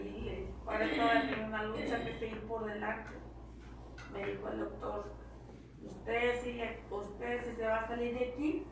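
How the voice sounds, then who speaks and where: Woman, high-ish voice, heartfelt church testimony, picked up from far off in an echoing room with audible noise. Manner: tells her story through quoted dialogue, voice welling up with emotion. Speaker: church member giving testimony. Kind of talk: emotional personal testimony. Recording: echoey hall from far off with background noise.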